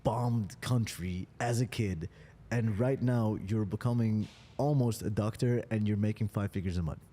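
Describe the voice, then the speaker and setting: Heard through long reverb, a Dutch man hosts a motivational podcast full of hype, speaking emphatically and throwing in swear words for emphasis. His voice sits on the low side, mellow, at a normal speed.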